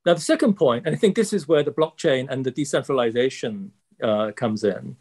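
A man in his sixties joins a panel over a video call. His voice sits at a middling pitch, and he talks in a measured, courteous way full of fillers. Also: a little mellow. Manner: measured, many fillers, polite turn-taking. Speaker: panelist, central bank economist. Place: office with logo backdrop.

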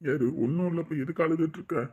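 A woman voicing a sick, teasing middle-aged village husband in a low, gruff put-on voice. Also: fast, mellow, highs cut off. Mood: grumbling.

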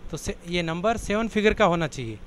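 A man with a slightly high voice walks through a computer program option by option, in a plain, explanatory way. A faint hum of background noise sits under his voice. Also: lively intonation, a little fast, poor audio. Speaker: software tutorial presenter. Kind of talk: step-by-step screen walkthrough.

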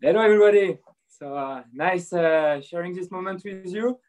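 A man on a video call describing his wine hesitantly, with many pauses. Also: high-pitched, darkish tone. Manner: hesitant toast with many fillers. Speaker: winery guest.

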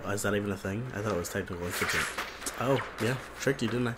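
Joking man with loud noise behind. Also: lowish voice, fast. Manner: joking, playful, sarcastic asides. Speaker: let's play co-host. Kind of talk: casual gaming banter.

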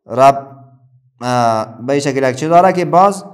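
A man's voice: mid-range voice, expressive. Questioning man teaching children. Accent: Afghan Dari. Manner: asks the pupils questions and answers them himself, with many pauses and fillers. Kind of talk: classroom Quran reading lesson for children.

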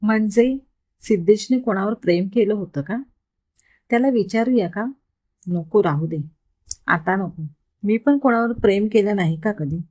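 A woman voicing a playful young woman who teases her friend in lively story dialogue. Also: medium pitch, normal speed, pauses often, lightly acted. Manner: lively, teasing banter.

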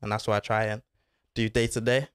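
In a small studio with foam panels, a young footballer speaks into an arm-mounted desk mic as a podcast guest, laid-back and slangy with plenty of "bro" and "innit." His fairly low voice barely shifts in pitch, moving briskly with a smooth, fairly bright tone, at studio quality with no echo.

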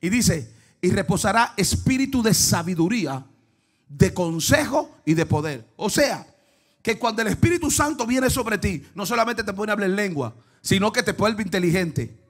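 A male pastor delivers a lively Pentecostal sermon in a high, bright voice, expressive and at normal speed. He shifts between near-whispered asides and loud, shouted exclamations, continually posing questions to the congregation.

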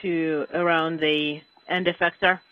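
Male interpreter heard through a communicator-style radio link, unhurried and measured, muffled lo-fi sound. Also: a little high, flat delivery. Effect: radio transmission from space, like a communicator. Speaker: interpreter on a spacewalk radio loop. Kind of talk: live translation of crew radio calls.

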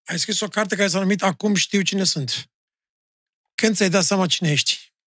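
A man hosting a podcast, asking his guest questions in a calm, prompting way. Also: high-pitched, no room sound, clean studio sound. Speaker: podcast host. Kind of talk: interview questions.

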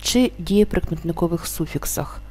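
A woman explains a grammar lesson in a low, mellow voice. She states each rule plainly, then slows down to sound out the examples with care. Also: soft background music. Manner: slow, careful spelling-out of example words. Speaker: teacher.

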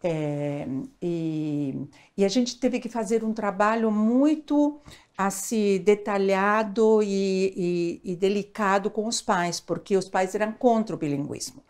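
Her voice is mid-range, slow, clear and resonant: an older woman from Argentina who specializes in child education, guesting in a casual interview. Animated and full of gestures, she uses tag questions, sitting on a sofa in a small studio with a lapel mic.

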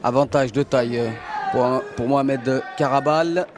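Male sports commentator calling a fight live, medium pitch, loud crowd behind him. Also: fairly even intonation, moderate pace. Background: noisy fight-night crowd.

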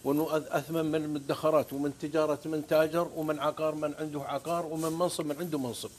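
A man's voice: on the high side, flat delivery, racing, a little mellow, slight background noise. A man with a Saudi accent, a guest preacher on a talk show, telling stories with fervent oaths and scripture quotes. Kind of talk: religious talk-show storytelling.

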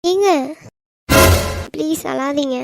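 Woman voicing a high-pitched devoted young wife. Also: takes it slowly, vocal fry, a little mellow, dry recording, soft background music, full character voice. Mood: soothing. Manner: earnest, pleading. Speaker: voice actor. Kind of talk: animated cartoon dialogue.

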